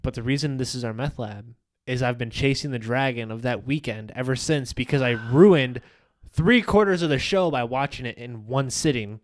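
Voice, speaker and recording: A man's voice: mid-range voice, normal speed, hardly any pauses. Joking young man on a podcast. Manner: joking, deadpan asides. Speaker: podcast co-host. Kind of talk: casual chat.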